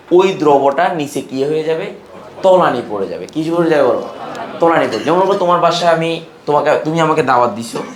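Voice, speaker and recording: A man from Bangladesh lectures on chemistry with a fairly high voice. He drills his class with questions and repeats each key term. The sound rings in a roomy, echoey classroom. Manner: asks students questions and repeats key terms. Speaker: chemistry teacher.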